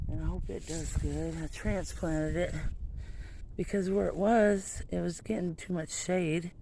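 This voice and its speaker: A woman with a drawl rambles through a garden tour, stopping herself mid-thought and wandering between topics. She talks slowly and easily. Clear outdoor noise from the countryside sits behind her phone recording. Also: lowish voice, fairly even intonation, warm tone. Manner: rambling, chatty, self-interrupting. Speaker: gardening vlogger. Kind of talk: casual garden tour chat. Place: outdoors in a rural yard and garden. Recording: outdoor noise from rural surroundings.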